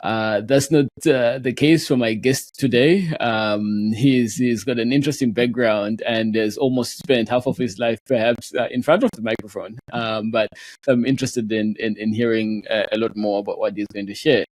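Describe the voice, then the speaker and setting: Low-voiced man hosting, dry close sound. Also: fairly even intonation, moderate pace, darkish tone, dry recording. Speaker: podcast host. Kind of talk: conversational podcast hosting.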